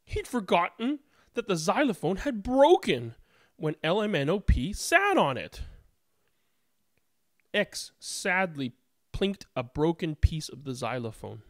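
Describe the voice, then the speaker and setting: Reading a children's picture book aloud, the narrator is expressive and deliberate, stressing words emphatically. The medium-pitched voice is captured with studio quality and no echo.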